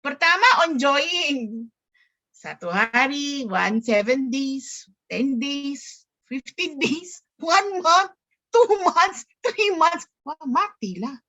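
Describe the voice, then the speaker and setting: A middle-aged woman giving a lively church talk, telling funny stories, acting out the people in them, and slipping English phrases in. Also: sits high, very slow. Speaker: church speaker.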